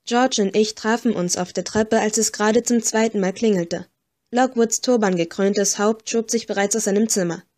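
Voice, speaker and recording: A woman reading first-person audiobook narration, measured and expressive. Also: mid-range voice. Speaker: audiobook reader.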